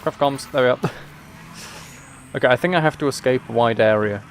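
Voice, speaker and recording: A game streamer with a medium-pitched, brisk voice offers casual, playful commentary on his gameplay, often talking and even singing to himself. Soft music plays in the background.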